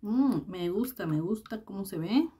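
A woman's voice: medium pitch, animated, unhurried, dark tone, slightly rough. Chatty woman vlogger with lots of fillers. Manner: chatty, full of fillers and diminutives. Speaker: beauty vlogger. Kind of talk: casual lipstick review vlog.

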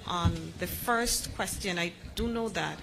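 Low-pitched woman explaining. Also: measured pace, creaky, over music. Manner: informal, repeats herself. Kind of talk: press conference answers.

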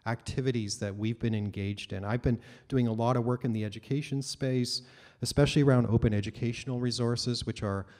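A middle-aged man giving a conference keynote on a large auditorium stage, speaking into a handheld microphone in a measured, explanatory way with occasional fillers. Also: mid-range voice, steady tone, a little mellow.

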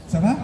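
A singer hosting a show in a big convention hall jokes with the crowd, laughing frequently and egging everyone on. His handheld mic plays over the PA, captured from the audience far off, so it's echoey. Loud cheering and other background noise fill the clip.

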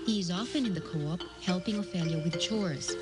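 A woman giving measured, plain scripted documentary narration. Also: lowish voice. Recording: narration over loud music.

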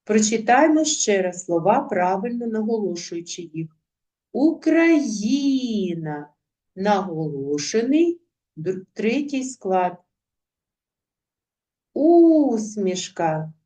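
A woman teacher giving a recorded lesson, speaking deliberately and spelling out word sounds one by one. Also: mid-range voice, expressive, darkish tone. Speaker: primary school teacher.

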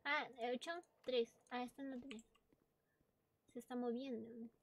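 High-voiced woman in jumpy gaming commentary. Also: steady tone, unhurried, vocal fry, a little hiss or hum. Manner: chatty, easily startled, bursts into screams and nervous laughter. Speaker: gamer playing a horror game. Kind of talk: casual let's-play commentary.

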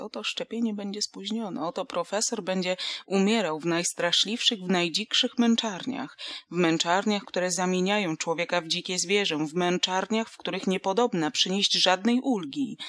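A woman reading a novel aloud as audiobook narrator, steady and expressive. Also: on the low side, no echo.

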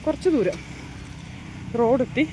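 A woman's voice: a little high, lively intonation, a little slow, dull audio, background noise. A woman talking casually to her viewers as she walks outdoors, filming on a phone and chatting in a loose, running way. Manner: chatty, keeps addressing viewers with tag questions. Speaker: vlogger. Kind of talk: casual walking vlog. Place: outdoors walking along roads, then at home.

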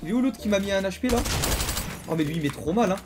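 Excitable young gamer man taunting rivals. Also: high-pitched, quick pace, background noise. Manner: excitable, taunts opponents in street slang. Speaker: gaming YouTuber. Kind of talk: live gameplay commentary. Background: game music and gunfire.

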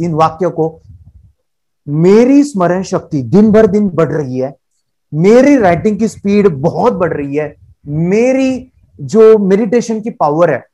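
A man working as a motivational trainer gives an energetic workshop talk, repeating phrases and pleading with his listeners. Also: a little high. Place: seminar room with a seated audience.

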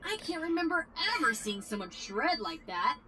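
Chirpy cheerful robot guide, bubbly surfer-style lingo, very high pitch, game audio with background noise. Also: female voice, big pitch swings, moderate pace. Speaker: game robot host character.

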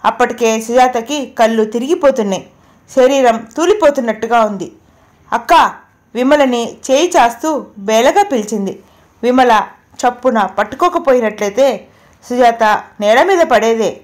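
A woman reading an audio novel as narrator, in an even storytelling manner. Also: a little high, moderate pace. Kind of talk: scripted narration.

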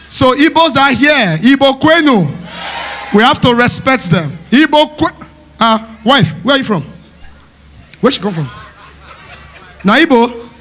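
High, bright Nigerian comedian man. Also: lively intonation, moderate pace, long pauses. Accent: Nigerian Pidgin English. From Nigeria, Delta State. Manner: loud, playful, teasing the crowd, often shouting and laughing. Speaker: stand-up comedian. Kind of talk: live stand-up comedy at a church event. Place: church hall stage.

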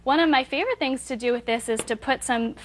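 A woman's voice: high-pitched, fast talker, a little hiss or hum. A young woman nutritionist explaining kitchen tools on a live morning TV segment, upbeat and step by step, recorded on a lapel mic in a studio kitchen set. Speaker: nutritionist guest.

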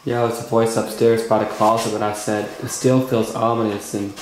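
Hushed man exploring an abandoned house. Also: lowish voice, little pitch movement, a little fast. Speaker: urban explorer host. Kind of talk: casual exploring commentary. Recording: echoey empty rooms, noisy.

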